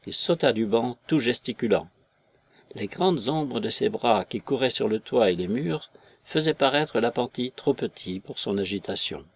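A man narrating a literary story in a measured, scripted audiobook reading. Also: medium pitch, vocal fry, husky.

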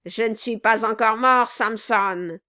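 A woman voicing a grotesque, mocking male dwarf who taunts loudly, in a dry recording. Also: on the high side, takes it slowly, no room sound. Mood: taunting. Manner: loud, taunting.

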